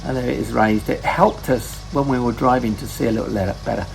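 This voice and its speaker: A man with a rough, gravelly voice at an ordinary pitch talks his way through a farming game as its host. He rambles in a relaxed way and often stops to correct himself mid-sentence. A faint hum of in-game engine noise sits under his voice. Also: fairly quick, poor audio. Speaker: gaming channel host. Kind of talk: relaxed gameplay commentary.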